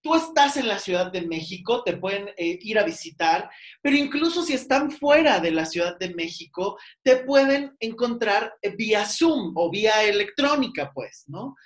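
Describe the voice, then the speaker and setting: A man's voice: high-pitched, big pitch swings, normal speed. A man with a Mexican accent hosting a podcast interview, talking in a chatty, rambling way and laughing often. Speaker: podcast host. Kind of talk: casual interview chat.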